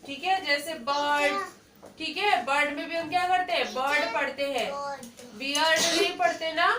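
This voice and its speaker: A woman's voice: high voice, moderate pace. A woman teaching a class, patient and questioning, often checking that students understand. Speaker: English teacher. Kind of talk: classroom lesson. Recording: echoey classroom, far from mic, faint noise.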